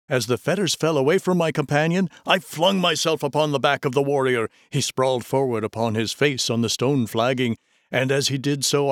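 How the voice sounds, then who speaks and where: A man narrating audiobook excerpts in a measured, even storytelling manner. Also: mid-range voice, no room sound, studio quality.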